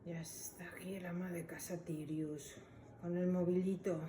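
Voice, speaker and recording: A woman's voice: lowish voice, flat delivery, normal speed, very noisy. A Venezuelan woman with a Venezuelan accent, grumbling in exasperated asides in a comedy sketch. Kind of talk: comic sketch monologue. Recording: echoey room with music behind.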